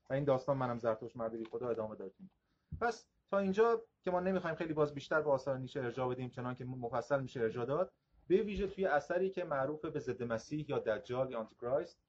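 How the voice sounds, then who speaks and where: A man lecturing on philosophy in a measured, reflective way, reading passages aloud and often restarting words. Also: medium pitch, darkish tone, dull audio.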